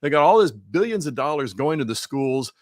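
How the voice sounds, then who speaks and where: A man's voice: a little high, big pitch swings, a little fast, no room sound, clean studio sound. A man speaking as a remote guest over a video call, giving heated, emphatic political commentary and often repeating words. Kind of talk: talk show commentary. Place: Missouri.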